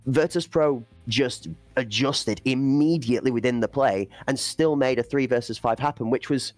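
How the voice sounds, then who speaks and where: A man's voice: medium pitch, moderate pace, no room sound. A man commentating an esports playoff, breaking down play and building hype for the chat. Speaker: esports caster.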